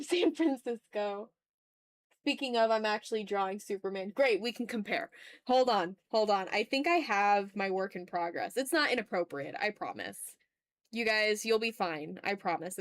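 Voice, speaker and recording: A mid-pitched woman draws on a livestream and talks casually, reading viewer comments aloud. She rambles informally, swears at times, and is self-deprecating, in a dry recording.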